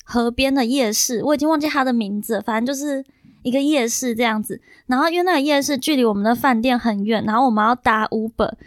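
Young Taiwanese woman guest, high and quick, dry close sound, rambling anecdotes. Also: dry recording. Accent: Taiwanese Mandarin. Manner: animated, rambling with many fillers. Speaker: podcast guest. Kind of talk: casual chat, storytelling.

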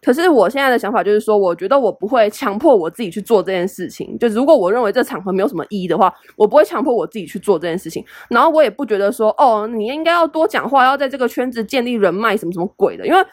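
A woman's voice: a little high, expressive, racing, hardly any pauses, dry recording, studio quality. A young woman with a Taiwanese Mandarin accent, hosting a solo podcast in a chatty, self-deprecating way full of fillers. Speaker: podcast host. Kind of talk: casual solo podcast advice.

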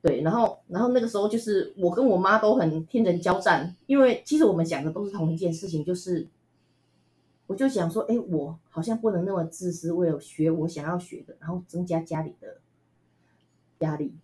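A woman from Taiwan with a Taiwanese Mandarin accent, telling stories as an interview guest in a chatty, animated way with frequent laughs. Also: fairly low pitch, a little fast. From Tainan, Taiwan. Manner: chatty, animated, laughs often, many fillers. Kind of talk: casual storytelling interview.

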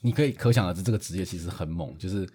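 A man telling a story in a casual podcast chat, animated and quick to laugh. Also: sits low, breathy edge. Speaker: podcast co-host.

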